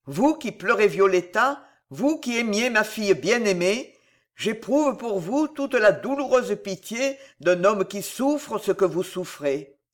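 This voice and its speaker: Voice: mid-range voice, expressive, measured pace, lightly acted. An audiobook reader voicing a tormented cardinal who issues grave, impassioned warnings. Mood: warning, urgent. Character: grave older man, a doomed tormented cardinal. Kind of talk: audiobook character voice.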